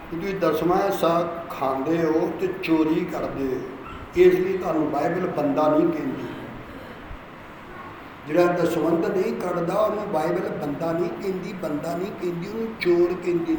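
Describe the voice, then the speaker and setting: A man's voice: high-pitched, normal speed, darkish tone. A man with a Punjabi accent preaching a Sunday sermon, leading the congregation in call-and-response and urging them to repeat his words aloud. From Punjab, India. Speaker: pastor. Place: church hall. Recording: echoey hall with long reverb and noise.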